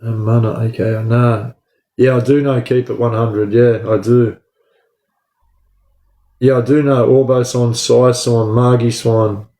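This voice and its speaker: A man's voice: medium pitch, level tone, a little slow, mellow. Echoey Aussie man talking eshay street slang. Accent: Australian. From Australia. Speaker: livestream storyteller. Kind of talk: casual livestream chat and yarn. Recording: echoey room.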